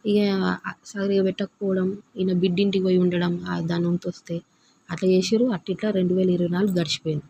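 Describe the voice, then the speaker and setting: Woman, gravelly, mellow tone, agitated complaining account, faint ambient noise. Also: on the low side, little pitch movement, brisk, highs cut off. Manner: agitated, complaining, quoting others sharply. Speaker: daughter-in-law telling of a family dispute. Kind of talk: emotional personal account.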